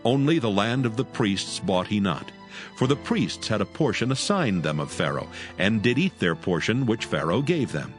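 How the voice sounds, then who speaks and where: A man's voice: lowish voice, very animated, moderate pace. A man narrating a dramatized scripture story from a script. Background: faint music.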